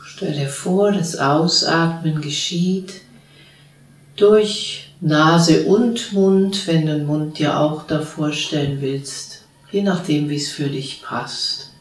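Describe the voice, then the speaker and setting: A woman, a spiritual teacher, gently guiding a seated group through a meditation with calm, unhurried instructions. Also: low-pitched. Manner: slow, calm spoken instructions with long pauses. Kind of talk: guided meditation. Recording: roomy sound from a distant mic.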